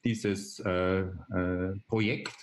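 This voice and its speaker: A man, explaining a software tool step by step on a video call, with frequent hesitation fillers. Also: sits low, flat delivery, extremely slow, slight background noise. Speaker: presenter. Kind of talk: online webinar demonstration. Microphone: video call webcam.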